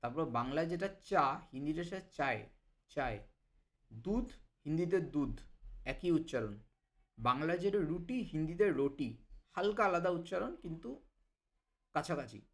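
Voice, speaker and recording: A man with a fairly high voice runs a vocabulary lesson. He explains each word, says it again slowly and checks in with a quick "right?". His delivery is patient and methodical. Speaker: language teacher.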